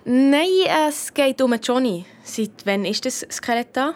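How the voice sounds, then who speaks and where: Speaking with a Swiss accent, a woman plays a sharp, keen schoolgirl sleuth in a children's radio drama and relates her case in a colloquial, animated style. She sits high in pitch, takes her time, and carries a determined mood.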